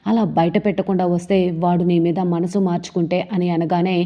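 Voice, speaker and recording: A woman retelling a TV serial episode, reading every character's lines in her own steady voice. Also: fairly low pitch, fairly quick, highs cut off. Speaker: serial recap narrator.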